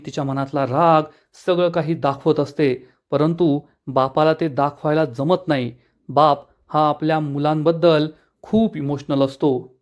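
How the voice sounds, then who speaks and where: A stern, fiercely protective father and lawyer, voiced by a man narrating a serial recap. His male voice sits a little high and carries steady threat. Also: natural voice.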